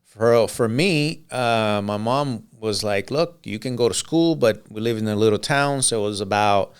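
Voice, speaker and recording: A middle-aged man born in Cuba whose first language is Spanish, telling his life story as a podcast guest in a relaxed, rambling way with many "uh"s and "um"s. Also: on the low side, moderate pace, clear, resonant tone. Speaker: podcast guest, business owner. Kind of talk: casual interview storytelling.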